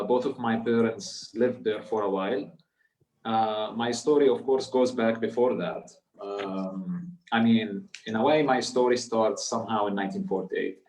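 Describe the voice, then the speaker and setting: A man's voice: lowish voice, darkish tone, a little hiss or hum. Palestinian guy late 20s telling his story on a zoom call, lots of ums, kinda far from the mic, roomy echo. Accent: Palestinian Arabic. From Jordan, Palestinian family. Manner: halting, many fillers and restarts. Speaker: tour guide and guest speaker. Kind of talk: personal story on a video call. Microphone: video call. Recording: echoey room, off the mic.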